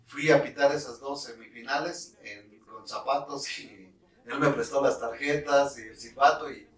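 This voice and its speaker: A man in his fifties from Mexico, a guest telling in a relaxed way, with many fillers, how he became a referee. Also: mid-range voice, moderate pace, roomy sound, distant mic, rough recording. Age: 50s. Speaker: guest, former futsal referee. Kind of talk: casual interview storytelling.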